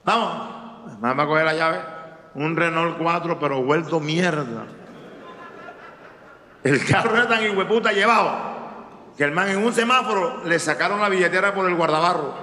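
A man with a Colombian Caribbean coast accent telling profane, animated stand-up stories on stage in a hall. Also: fairly high pitch, normal speed, pauses often, a little hiss or hum. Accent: Colombian Caribbean coast Spanish. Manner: profane, animated, slips into character voices. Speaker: stand-up comedian. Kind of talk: stand-up storytelling. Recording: echoey hall, faint ambience.

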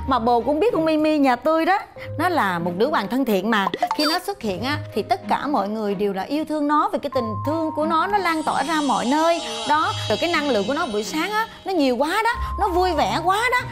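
An actress playing a fussy, hot-tempered middle-aged mother, telling her story in a chatty, dramatic way. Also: sits high. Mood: indignant storytelling. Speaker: dog-owning mother in a traffic-safety skit. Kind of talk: televised comedy sketch acting. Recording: music bed under the dialogue.

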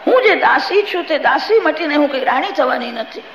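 A man's voice: extremely high pitch, expressive, fairly quick, fairly bright tone, echoey room, big-room sound, lo-fi sound, a little hiss or hum, exaggerated voice. A man voicing a scheming old maidservant who fakes sorrow, within a live sermon story. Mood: sly lament. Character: scheming old maidservant woman, fake-weeping.

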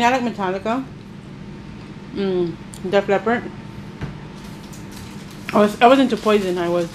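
A middle-aged woman tells stories in a relaxed, plain-spoken way while eating, her words muffled by a mouth full of food. Her voice sits at an ordinary pitch for a woman. A faint background noise runs under the recording. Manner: chatty, storytelling, plain-spoken. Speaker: mother and show host. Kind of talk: casual chat while eating.

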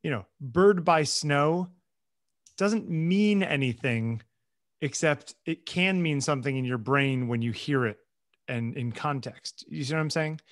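A man's voice: medium pitch, measured pace, no room sound. Wry man co-host, dry sound. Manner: wry, searching, repeats words as he thinks. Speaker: photographer and co-host. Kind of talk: casual conversation.

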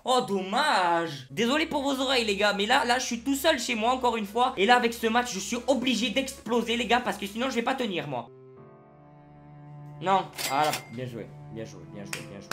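A man giving excited live commentary on his own football video game match at home, swinging between loud shouts and low muttering. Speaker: gaming YouTuber. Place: at home alone.

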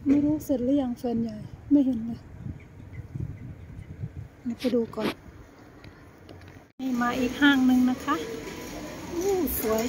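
A woman's voice: sits high, unhurried, long pauses. An older woman from Thailand chatting casually to friends as she vlogs on the move, rambling and thinking aloud into a handheld phone. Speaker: vlogger. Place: on the move in a car, shops and town streets. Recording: clear car and ambient noise.

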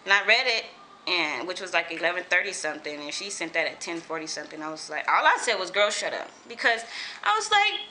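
A woman's voice: on the low side, quick pace, a little hiss or hum, rough recording. A woman in her twenties from California, talking casually and swearing freely in a home vlog. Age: 20s. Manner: animated, swears freely, repeats herself. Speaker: vlogger.

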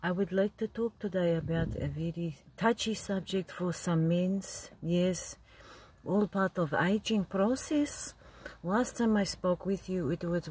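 A woman's voice: fairly low pitch, a little hiss or hum, natural voice. A woman voicing an elderly immigrant grandfather who rambles bawdily in broken English. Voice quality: very husky. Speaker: comedy video character. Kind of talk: comic character monologue.

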